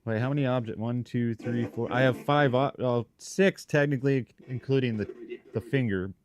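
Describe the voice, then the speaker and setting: In a shop, a paranormal investigator hosting a live stream chats loosely with viewers, his thoughts spilling out in rambling, fragmented phrases. His voice is mid-range at a moderate pace, with a little hiss or hum in the audio.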